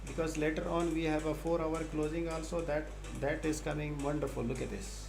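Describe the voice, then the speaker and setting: A man's voice: fairly high pitch, little pitch movement, a little fast, vocal fry, over music. A man giving live market commentary, talking to viewers and often repeating himself. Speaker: live stream host and trading analyst.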